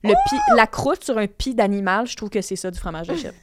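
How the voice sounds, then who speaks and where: A woman's voice: medium pitch, animated, a little fast, background noise. A woman with a Quebec French accent chatting on a podcast as a guest comedian, blunt and exaggerating, mixing in English slang. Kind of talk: casual podcast chat.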